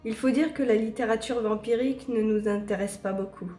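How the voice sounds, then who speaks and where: A woman's voice: fairly high pitch, mellow, echoey room, soft background music, lightly acted. A woman reading the lines of a courteous, formal male vampire aloud from a game. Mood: calm. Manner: polite, measured, formal.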